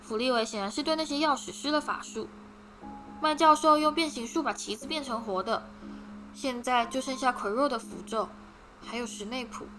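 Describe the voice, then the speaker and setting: A woman's voice: sits high, normal speed, sharp tone, voice pushed up. A woman voicing an anxious, clever schoolgirl witch who pleads and explains, over background music. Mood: explaining.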